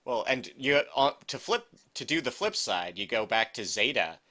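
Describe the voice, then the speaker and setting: A man's voice: medium pitch, very animated, normal speed, bright, forceful tone. A man co-hosting a casual podcast, rambling and correcting himself with a wry edge. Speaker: podcast co-host. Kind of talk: casual chat.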